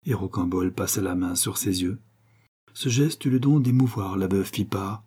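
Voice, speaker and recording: A man narrating a novel as an audiobook, in a measured, even storytelling manner. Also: deep voice, husky.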